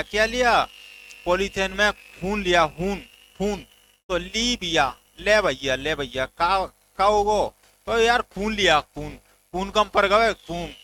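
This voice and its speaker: A man's voice: high-pitched, sharp tone, slight background noise, rough recording. A man teaching a general knowledge lesson, telling playful stories and acting out little dialogues as memory tricks. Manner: playful storytelling with mnemonic jokes, acted dialogue.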